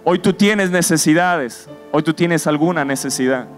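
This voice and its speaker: A man with a fairly high voice speaks at a normal speed, preaching as a guest at a church service with impassioned, repetitive exhortation. Guitar music plays behind him.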